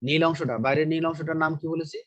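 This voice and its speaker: A man's voice: fairly high pitch, steady tone, quick pace. Male biology teacher, dull lo-fi sound. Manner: repeats key terms, asks and answers his own questions. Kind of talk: online lecture.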